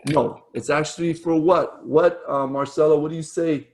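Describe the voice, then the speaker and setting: A man's voice: on the high side, fairly even intonation, normal speed, a little hiss or hum. A man hosting a casual online meetup over a video call. He talks in a chatty, rambling way, full of fillers and restarts. His voice is wearing thin from talking all day. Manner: chatty, with fillers and self-corrections. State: losing his voice. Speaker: meetup host.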